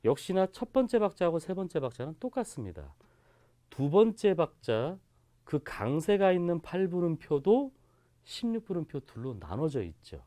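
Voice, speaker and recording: A man's voice: on the high side, big pitch swings, normal speed, dark tone. A man teaching a guitar lesson, patiently explaining rhythms and counting strokes aloud in a sing-song way. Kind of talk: instructional lesson.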